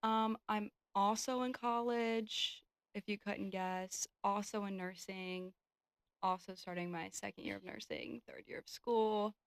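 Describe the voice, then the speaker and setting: A woman's voice: medium pitch, fairly even intonation, unhurried, gravelly, clear, resonant tone, no room sound. A twenty-year-old woman co-hosting a casual chat podcast, laid-back and starting lines with "um". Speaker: podcast co-host. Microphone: desk podcast mic.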